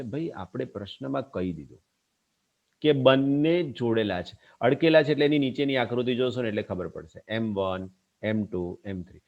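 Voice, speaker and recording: A man's voice: medium pitch, highs cut off. A man giving a physics lecture. He talks fondly to his students, asks them questions and answers them himself. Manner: animated, talks warmly to students as kids. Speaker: physics teacher. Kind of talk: classroom lecture.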